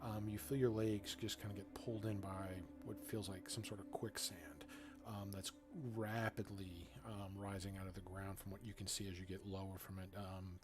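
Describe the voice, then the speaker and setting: A man narrating a tabletop game as game master, improvising haltingly with pauses mid-sentence. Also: deep voice, flat delivery, music in the background.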